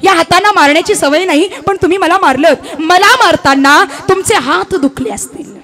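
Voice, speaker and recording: A woman's voice: extremely high pitch, moderate pace, a bit bright. A woman from Maharashtra giving a kirtan sermon, telling a devotional story and acting out its characters' dialogue dramatically. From Maharashtra, India. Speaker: kirtan preacher.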